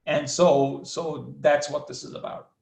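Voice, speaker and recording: A man with a fairly high voice, lecturing as a professor and taking questions from his students. He talks in a thoughtful, unhurried way, often pausing on fillers and starting sentences over. The sound carries a noticeable room echo. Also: level tone, vocal fry, a little mellow. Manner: thoughtful, with frequent fillers and restarts.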